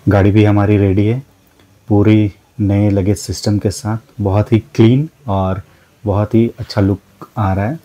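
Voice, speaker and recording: Low, flat-voiced man talking to camera. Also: unhurried, low-quality recording. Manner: calm, plain, talks to viewers. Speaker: motovlogger. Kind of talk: casual intro to camera.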